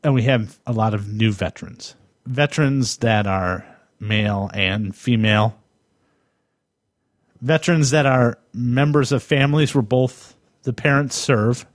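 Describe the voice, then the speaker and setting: A man in his forties from the United States, hosting a solo podcast and reflecting aloud in a thoughtful, halting way, pausing to find his words. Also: mid-range voice, dry recording, clean studio sound. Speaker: podcast host.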